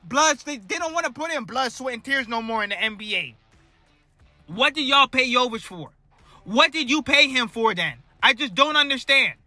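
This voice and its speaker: A man delivers a heated, exasperated rant, hammering one rhetorical question after another. His voice sits very high and cuts with a hard, piercing edge. The recording is completely dry, with no room sound. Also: expressive, moderate pace, no echo, faint music behind. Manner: ranting, fires off repeated rhetorical questions; exasperated, swings between shouting and muttering. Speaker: basketball fan commentator. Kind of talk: heated fan rant to camera.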